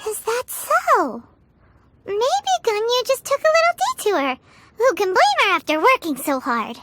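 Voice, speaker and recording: Cheeky little female game fairy, extremely high, wildly animated, childlike and exclamatory. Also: a little slow, slight background noise, heavily acted. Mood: curious, cheeky. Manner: speaks of self in third person, exclaiming. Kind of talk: animated video game voice acting.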